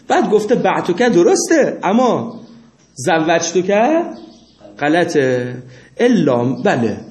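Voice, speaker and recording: A man gives a seminary lesson, reading passages aloud and then explaining them. His voice sits a little high for a man. He keeps asking his students questions and answering them himself, and the room around him rings with a clear echo. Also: darkish tone. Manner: reads Arabic passages aloud. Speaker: seminary teacher. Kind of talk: lecturing on Islamic jurisprudence.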